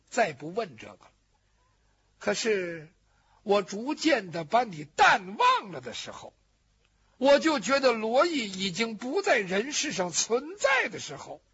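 A man voicing a grieving middle-aged mother who was abandoned by her husband, telling her story with a drawn-out lament. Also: high-pitched, fairly bright tone, exaggerated voice. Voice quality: very husky. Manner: lamenting, drawn-out sung-like phrasing. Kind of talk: storytelling performance in first person. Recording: dull lo-fi recording.

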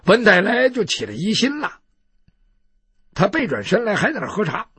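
A male storyteller tells a martial tale in a husky, high-pitched voice. His delivery is rhythmic and dramatic, and the sound is close and dry. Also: sing-song, normal speed, fairly bright tone, dry recording. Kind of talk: traditional storytelling.

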